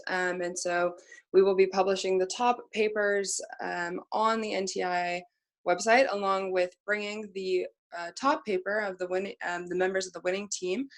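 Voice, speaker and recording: A woman from program staff explaining plans on a webinar, measured and with frequent fillers. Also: medium pitch.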